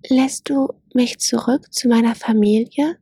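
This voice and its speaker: A woman's voice: high voice, steady tone, slow pace, creaky, a little mellow, dry recording, voice pushed up, exaggerated voice. A woman voicing a wary young female gazelle in a storybook, asking hesitant, cautious questions in a raised voice. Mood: timid.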